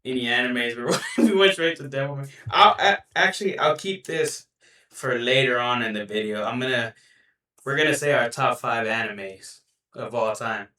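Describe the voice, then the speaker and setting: A man's voice: mid-range voice, normal speed, pushed and bright, recorded from a distance. Laid-back man podcasting in a roomy space. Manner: laid-back, rambling, lots of "you know". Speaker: podcast co-host. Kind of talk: casual chat. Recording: roomy, a bit off-mic.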